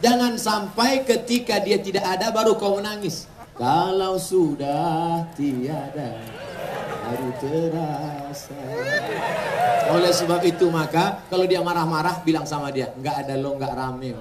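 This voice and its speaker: A man preaching a humorous sermon at a mass gathering, joking and swinging between soft asides and loud exclamations. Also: high voice, fairly quick, over a noisy crowd. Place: outdoor stadium. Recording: echoey stadium PA from far off, noisy.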